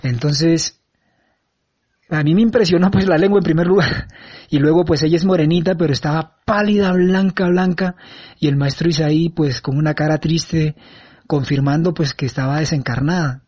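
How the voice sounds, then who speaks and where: Guy telling what he saw, kinda high voice, lots of restarts, muffled lo-fi sound. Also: a little mellow, breathy edge. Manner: halting, with frequent restarts and fillers, earnest. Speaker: eyewitness recounting an event. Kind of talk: first-person testimony. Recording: dull lo-fi sound.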